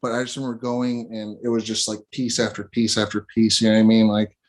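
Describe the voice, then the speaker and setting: A man's voice: fairly low pitch, flat delivery, quick pace. A man hosting a casual interview, talking in a laid-back way with lots of slang fillers. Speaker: interview host.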